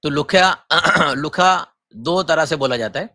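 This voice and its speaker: A man, a mufti from Gujarat, giving a forceful lecture on religious rules and firing off rhetorical questions. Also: fairly high pitch, no echo, studio quality. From Gujarat, India. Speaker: mufti teaching Islamic law.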